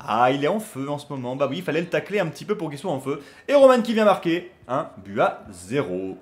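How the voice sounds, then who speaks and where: A young man chatting casually over his football video game, filling gaps with hesitations and shouting with excitement at big moments. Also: a little high, a little fast, slight background noise. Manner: chatty, lots of fillers, bursts of excited shouting on goals. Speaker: gaming YouTuber. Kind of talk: casual gameplay commentary.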